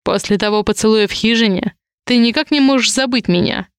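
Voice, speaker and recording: A woman's voice: on the high side, a little fast, smooth, no room sound, clean studio sound, close to an everyday voice. A woman reading the lines of a stern, haughty male duke in a cold, commanding manner, in a story. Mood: teasing.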